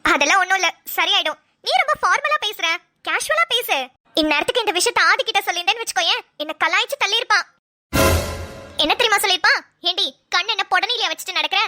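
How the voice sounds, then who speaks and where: A woman voicing a lively young woman who teases her childhood friend in quick banter. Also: very high-pitched, faint music behind, exaggerated voice. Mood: teasing.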